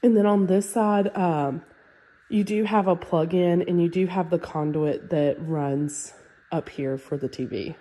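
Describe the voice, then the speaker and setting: Congested from a sinus infection, a woman with a lowish, nasal voice gives an unhurried, casual walkthrough of a house as a real estate agent. Her manner is relaxed and chatty, sprinkled with "um" and "like."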